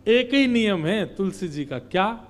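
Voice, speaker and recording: A man's voice: high-pitched, animated, a little slow. A man giving a devotional sermon as a preacher, emphatic and rising into fervent appeals. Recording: faint instrumental music behind.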